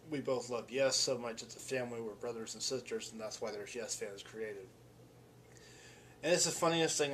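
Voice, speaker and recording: Here the man, who makes vlogs and music, recounts a story in an easygoing, excitable way, often breaking off to begin sentences again. His pitch is medium, and a little background noise is audible.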